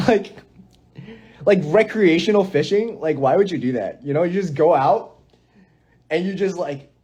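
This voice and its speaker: A man's voice: high voice, expressive, takes it slowly, long pauses, darkish tone, slightly rough. A young man chatting casually on a phone livestream, playful and giggly. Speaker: livestream host.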